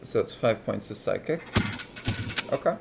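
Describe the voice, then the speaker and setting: A man runs a tabletop game in a calm, matter-of-fact way. His voice carries a gravelly fry. A faint hiss sits behind him. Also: fairly low pitch, moderate pace. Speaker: dungeon master.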